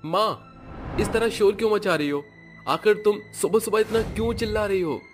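A man's voice: sits high, normal speed, faint music behind, pitched above the performer's own voice, lightly acted. A man doing a young husband in raised voice. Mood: angry. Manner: gentle, pleading, later angry.

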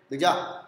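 A man teaching a programming class, blunt and teasing, who keeps checking with his students and calls on them to answer. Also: a bit bright. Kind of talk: classroom lecture. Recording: echoey room with long reverb.

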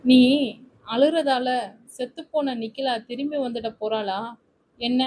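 A scheming man lectures with put-on sympathy, voiced by a woman reading a story. The voice is fairly high. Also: a little slow, darkish tone, slight background noise, rough recording. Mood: mock comforting. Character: scheming man feigning concern.

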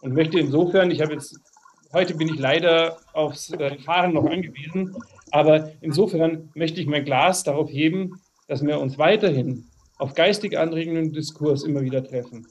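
A man's voice: on the high side, normal speed. A middle-aged man giving an informal ceremonial toast in long, winding, earnest sentences over a video call. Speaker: guest giving a congratulatory speech. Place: room with bookshelves. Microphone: video call webcam. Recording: dull, noisy video-call audio.

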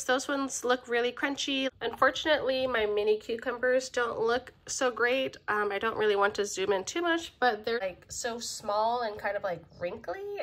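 Bright-voiced woman chatting through a grocery haul. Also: on the high side. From Filipino family. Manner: relaxed, friendly, frequent "um" fillers. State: slightly under the weather. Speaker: vlogger showing a grocery haul. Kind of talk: casual chatty haul commentary. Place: home kitchen table.

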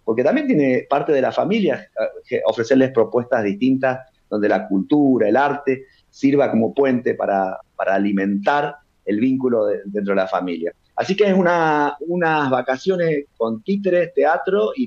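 A man's voice: medium pitch, lively intonation, moderate pace, darkish tone, dull audio. A middle-aged Argentine man, a puppeteer and cultural manager, chatting enthusiastically as a guest on a TV interview. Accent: Argentine Spanish. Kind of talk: TV interview, promoting a festival.

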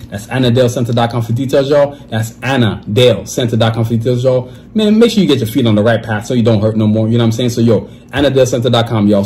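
Reading ad spots casually at his desk, this podcast host in his thirties keeps things slangy and relaxed, often saying "you know what I'm saying." His voice is mid-range and dark, with slight background noise in the small room.

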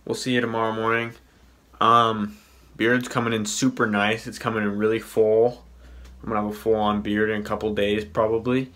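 An easygoing young man chats into a phone held at arm's length, signing off for the night. His voice sits low and stays level, with little lift in the pitch. He talks in a loose, chatty way. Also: little pitch movement, moderate pace, a bit bright. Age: young adult. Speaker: vlog channel member. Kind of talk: casual vlog.

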